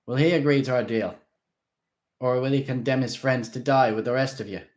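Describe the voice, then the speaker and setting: A man voicing a calm, authoritative guard of a vampire lord who speaks in a formal, measured way. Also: medium pitch, pitched above the performer's own voice, lightly acted. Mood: commanding.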